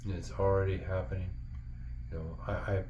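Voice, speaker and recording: A man's voice: sits low, flat delivery, a little fast, warm tone. A man giving an earnest, encouraging, casual heartfelt monologue as a parent talking to other parents. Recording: dull lo-fi, faint background noise.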